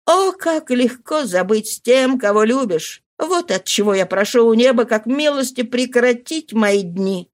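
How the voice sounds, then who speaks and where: A woman's voice: a little high, expressive, unhurried, hardly any pauses. A woman reading a novel aloud, voicing a proud, betrayed husband who speaks with cold reproach. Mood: bitter, accusing.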